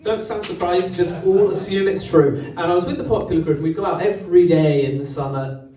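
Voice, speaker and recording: A young man performs stand-up on a comedy club stage, talking in a rambling, self-mocking way that keeps tripping over itself. His voice is dark and mellow but sits a little high. The mic picks him up from some distance in an echoey room. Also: brisk. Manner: rambling, self-deprecating, stumbling delivery. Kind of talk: stand-up set. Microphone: handheld microphone. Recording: roomy club sound from a distance.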